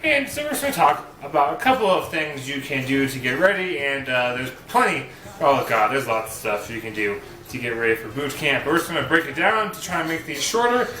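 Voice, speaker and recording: A man's voice: medium pitch, very animated, brisk, pushed and bright. Casual joking man in an echoey room. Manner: rambling, joking, conversational. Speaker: vlogger giving boot camp advice. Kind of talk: casual advice talk. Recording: roomy echo, faint hiss.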